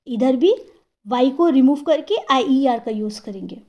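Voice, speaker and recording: A woman teaching an English grammar lesson, explaining patiently and sounding out example words slowly, syllable by syllable, and often checking in with the listener. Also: high voice, animated, mellow, highs cut off. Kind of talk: classroom-style grammar lesson.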